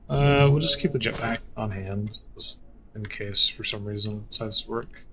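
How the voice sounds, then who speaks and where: A man's voice: lowish voice, normal speed, a crowd in the background, rough recording. A man giving casual, sarcastic commentary while playing a game solo, thinking aloud as he goes. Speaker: gameplay streamer.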